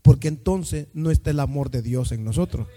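A male pastor preaching an evangelical sermon, joking in quiet asides and breaking into sung, shouted praise. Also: mid-range voice, moderate pace. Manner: jokey preaching that swings between intimate asides and sung shouts. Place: church. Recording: echoey church hall.

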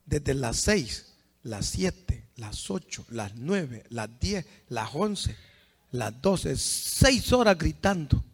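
A man preaching a fervent sermon, swinging from hushed asides to shouts and firing questions at the congregation. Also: on the high side, very animated, extremely slow, breathy edge.

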